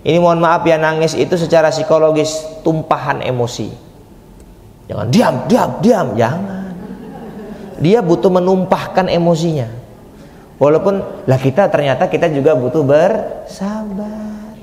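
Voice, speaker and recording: A man delivers a sermon in with a lilt, his voice sitting somewhat high for a man. He talks conversationally, throwing questions to the crowd and answering them. The sound is roomy, with a long hall echo. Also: measured pace, a little mellow, a little hiss or hum. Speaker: preacher. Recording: echoey hall, reverberant.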